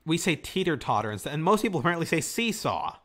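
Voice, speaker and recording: A man's voice: a little high, fast. A man co-hosting a podcast, from Michigan, chatting casually and reading things aloud with jokes. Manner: animated, reads aloud and jokes. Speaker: podcast co-host. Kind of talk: casual chat.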